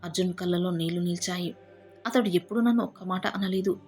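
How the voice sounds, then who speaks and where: A woman telling a first-person family story in a steady, heartfelt way. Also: on the low side, a little fast. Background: faint background music.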